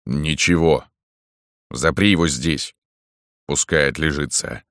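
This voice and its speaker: A man's voice: rumbling low, slow pace, a bit bright, no echo, studio quality, full character voice. A man reading a coarse, snapping male thug boss in an audiobook. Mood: contemptuous.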